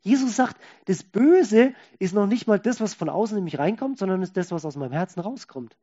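A man preaching a sermon, moving between quiet asides and loud, emphatic lines and acting out the voices he quotes. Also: high voice, expressive, a little fast, dull audio.

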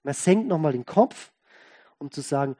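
A pastor preaching a sermon in a folksy, conversational way, stressing and repeating key words and swinging between loud and soft. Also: mid-range voice, animated, normal speed.

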